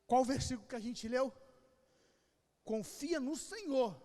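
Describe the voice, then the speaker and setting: A man pastor preaching an impassioned sermon with a Rio de Janeiro accent, swinging between shouted calls and quiet asides. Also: extremely high pitch, animated, a little slow. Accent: Rio de Janeiro Portuguese. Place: church hall. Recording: long church hall reverb.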